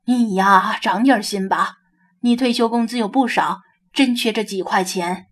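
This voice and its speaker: A woman's voice: mid-range voice, measured pace, close to an everyday voice. A woman voicing a blunt older man who chides his friend with a sigh. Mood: chiding.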